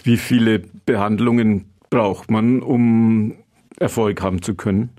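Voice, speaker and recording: Low-voiced male interviewer, dry sound. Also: steady tone, unhurried, warm tone, dry recording. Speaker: podcast interviewer. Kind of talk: scripted interview questions.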